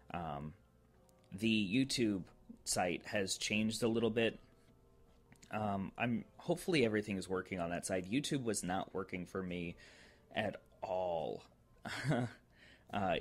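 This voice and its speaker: A man hosting his own podcast, giving a casual, rambling update with many ums and restarts. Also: deep voice. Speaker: podcast host.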